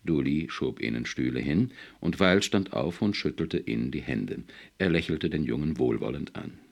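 A man reading a science-fiction story aloud as an expressive audiobook narrator. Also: very deep voice, normal speed, vocal fry. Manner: expressive, varied. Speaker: audiobook reader. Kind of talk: scripted narration.

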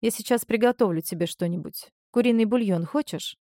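A woman voicing a caring, obliging young man who speaks in a gentle, reassuring way. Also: a little high, fairly quick, no echo, studio quality, close to an everyday voice.

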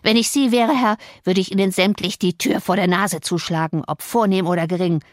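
A woman's voice: medium pitch, brisk, dry recording, clean studio sound, natural voice. A woman reading the part of a spiteful, sanctimonious old male servant in a storybook. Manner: scolding, sanctimonious.

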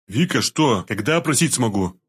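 A man's voice: medium pitch, lively intonation, moderate pace, husky. A man voicing a stern, tense security man who speaks tersely. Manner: terse, hard-edged.

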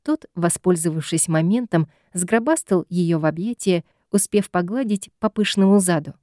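A woman's voice: lowish voice, moderate pace, dark tone, no room sound, studio quality. Woman narrating an audiobook. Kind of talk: first-person fantasy audiobook narration.

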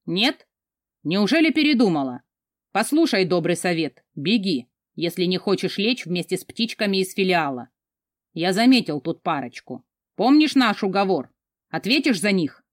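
A woman's voice: fairly low pitch, very animated, normal speed, dry recording, clean studio sound. A woman voicing a mocking cold male commander. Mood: taunting. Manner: taunting, mocking.

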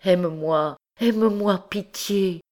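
A woman reading an audiobook, voicing an obsessed older priest who pleads in hushed, breathless tones. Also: extremely low pitch, slow pace, exaggerated voice. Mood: frantic.

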